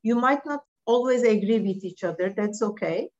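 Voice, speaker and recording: Speaking at a normal pace in a somewhat high, animated voice with a darkish tone, this Turkish woman comes through on dull audio. Middle-aged and a business leader, she is a podcast interview guest using English as a second language, answering earnestly and directly with non-native phrasing and occasional restarts.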